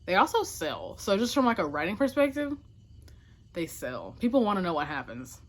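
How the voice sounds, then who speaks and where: With a mid-range voice that swings widely in pitch, a woman book vlogger chats casually to camera at a moderate pace. Her delivery is emphatic and informal, full of self-corrections and little asides.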